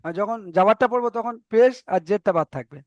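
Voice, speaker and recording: A man's voice: high voice, brisk, dry recording. A man teaching Arabic letter reading in an online class, patiently repeating each point and checking that students follow.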